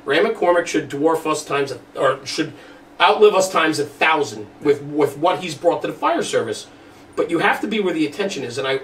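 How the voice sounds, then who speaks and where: A man with a fairly high, slightly bright voice hosts a casual podcast in a studio room, speaking earnestly and with emphasis. The distant mic gives a roomy sound with faint background noise.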